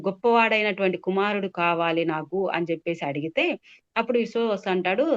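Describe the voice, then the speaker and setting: A woman telling a devotional epic story, explaining words as she goes and pausing with many fillers. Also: mid-range voice. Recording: dull lo-fi sound.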